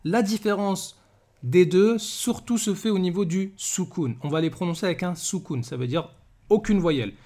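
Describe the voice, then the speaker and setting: A man runs a calm pronunciation lesson, voicing each letter slowly and repeating it. His voice sits a little high. He keeps asking whether the listener is following. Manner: patient, repeats letter sounds slowly, asks "d'accord?" often. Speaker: Arabic teacher.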